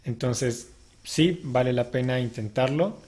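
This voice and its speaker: A man's voice: mid-range voice, measured pace, darkish tone. A man co-hosting a casual podcast, giving earnest step-by-step advice. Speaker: podcast co-host.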